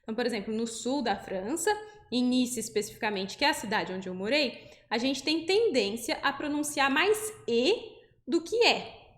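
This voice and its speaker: Brazilian lady teaching french sounds, high voice, takes it slow, kinda echoey room. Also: expressive, fairly bright tone. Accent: Brazilian Portuguese. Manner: patient, explains step by step and models each word slowly. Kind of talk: pronunciation lesson.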